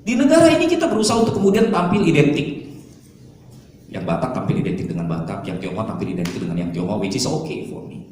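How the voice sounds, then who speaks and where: Lively pastor preaching in an echoey hall. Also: male voice, fairly low pitch, quick pace, a little hiss or hum. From Indonesia. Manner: lively storytelling, mimics regional dialects. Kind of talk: sermon. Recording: echoey hall, distant mic.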